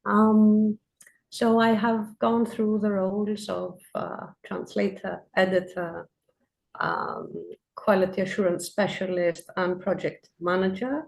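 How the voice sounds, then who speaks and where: A woman podcast guest from Greece in her forties talks slowly, with a gravelly edge to her voice. She pauses often on uh and um as she describes her work. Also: medium pitch, level tone, poor audio. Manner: hesitant, many uh and um fillers. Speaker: podcast guest, project manager. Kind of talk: casual interview answers.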